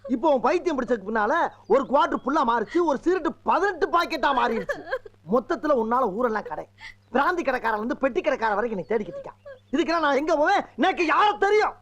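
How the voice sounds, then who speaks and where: A man's voice: very high voice, expressive, quick pace, fairly bright tone. An actor playing a boastful, lovesick village man who rants in rambling, mock-threatening comic outbursts. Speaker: comic lead in a film. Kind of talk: film comedy dialogue.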